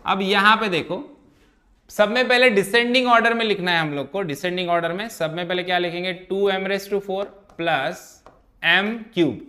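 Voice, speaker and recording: A male math teacher, walking his class through each step of the problems. His voice sits high for a man and has a bright, forceful edge. He keeps stopping to check that students follow. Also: brisk. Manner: keeps asking checking questions. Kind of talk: classroom lesson explanation.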